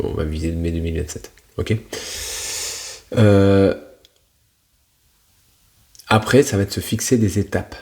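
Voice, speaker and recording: A man's voice: sits low, dark tone. A man coaching in a casual, slangy, blunt manner, talking straight to the listener. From France. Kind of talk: casual motivational talk.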